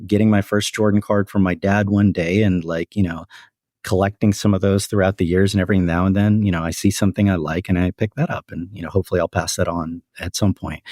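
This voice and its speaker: A man, a company CEO, giving measured and reflective interview answers, often saying "frankly" and "right?". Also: fairly low pitch, darkish tone, no echo, studio quality. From United States.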